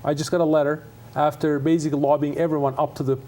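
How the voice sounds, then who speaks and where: A middle-aged man from Turkey, Turkish his first language, speaks earnestly as a guest in a TV studio interview. His voice sits a little high for a man, and he often pauses on fillers and restarts his sentences. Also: level tone, dark tone. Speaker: guest, conservation scientist. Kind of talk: casual interview talk.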